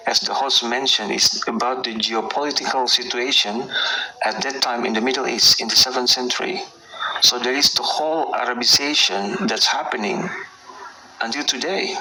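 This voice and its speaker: A man's voice: medium pitch, steady tone, normal speed, bright, forceful tone, a little hiss or hum, rough recording. A man from Indonesia, not an English speaker, explaining his view in a debate in an earnest, stammering way. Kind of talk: heated debate.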